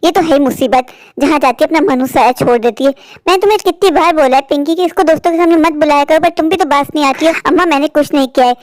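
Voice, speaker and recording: A woman's voice: high voice, fast, no echo, natural voice. A woman voicing a spoiled, cruel teenage stepsister in a cartoon story, scolding and scornful. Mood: complaining. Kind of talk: cartoon voice acting.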